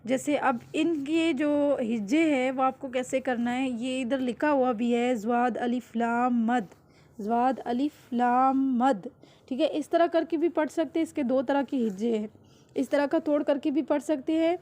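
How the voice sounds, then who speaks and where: A woman teaching Quran reading. She spells out letters slowly, syllable by syllable, then explains quickly, often checking with "theek hai?". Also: sits high, dark tone. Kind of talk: slow syllable-by-syllable recitation lesson.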